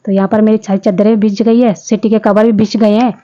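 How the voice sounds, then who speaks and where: A woman's voice: medium pitch, level tone, fairly quick, warm tone, dull audio. A woman in her fifties narrating her home vlog in a chatty, homely way, speaking straight to her viewers. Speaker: vlogger. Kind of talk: casual vlog voice-over narration.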